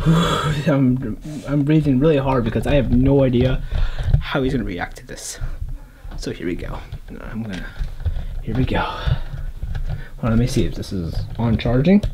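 A teenage boy filming a prank vlog on a handheld phone. He starts hushed and tense, then shouts in exasperation. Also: medium pitch. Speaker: vlogger. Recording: noisy home phone recording.

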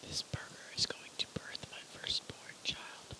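A person whispering almost the whole way through an ASMR eating parody. The voice is breathy and unvoiced, and the delivery is deadpan, with crude jokes and casual swearing between mouthfuls. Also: a little slow, low-quality recording. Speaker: channel host.

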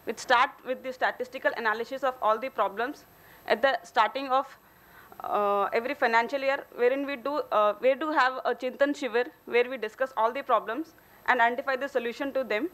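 At a hotel conference hall podium, an Indian-accented woman engineer presents her company's case study formally. Her voice runs on the high side and fairly bright, fairly quick, with fairly even intonation.

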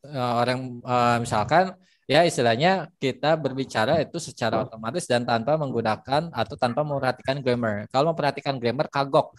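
A man's voice: medium pitch, fairly quick, no room sound. A man teaching English in a live online lesson, chatty and explaining with lots of examples and fillers.

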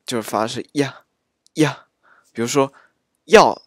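A man teaching dialect pronunciation, speaking slowly with frequent pauses and filler sounds. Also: mid-range voice, fairly even intonation, no echo, clean studio sound. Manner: slow, halting, many filler sounds. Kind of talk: pronunciation lesson.

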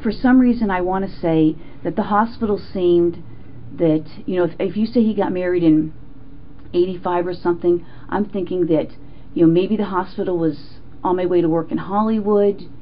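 A middle-aged American woman being questioned as a suspect, answering in a jittery, defensive, halting way with stammers and repetitions. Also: fairly low pitch. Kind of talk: informal police interrogation interview. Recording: muffled, noisy interrogation room recording.

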